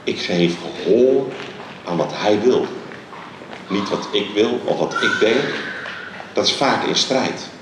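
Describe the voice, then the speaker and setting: Preaching a sermon as a guest speaker, a middle-aged man from the Netherlands holds a mic on a church stage but sits far from it. His animated, emphatic delivery, full of pauses and pitch swings, reverberates around a huge, very echoey hall with a soft hum behind it.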